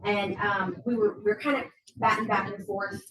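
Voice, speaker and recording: A woman presenting a faculty training talk, lively and acting out what students say, recorded in a college meeting room. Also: medium pitch, normal speed, a little hiss or hum. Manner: lively, acts out student quotes. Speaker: workshop presenter. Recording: roomy hall, far from mic.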